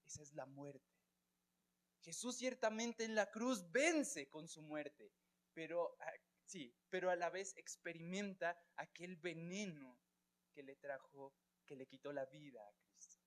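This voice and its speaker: High-voiced Colombian man teaching Bible class. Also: unhurried. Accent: Colombian Spanish. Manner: asks students questions, checks with "¿sí?" and "¿listo?".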